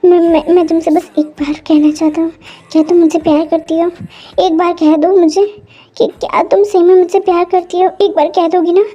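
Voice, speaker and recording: A jealous, possessive young husband, as a woman puts him on for a fan-fiction story, stammering between orders and pleas. The voice sits very high even when pushed lower, and its tone is dark and mellow. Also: fairly quick, highs cut off. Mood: tearful, pleading. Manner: stammering, pleading and commanding. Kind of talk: Hindi fan-fiction voice acting.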